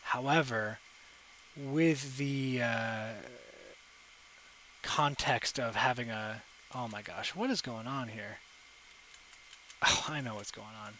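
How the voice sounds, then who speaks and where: A young man with a bright, forward, medium-pitched voice narrates each step of a live sculpting stream, speaking slowly and pausing often. He rambles and thinks aloud, correcting himself with plenty of ums, while a desk mic picks up a faint hum of room ambience in a rough recording.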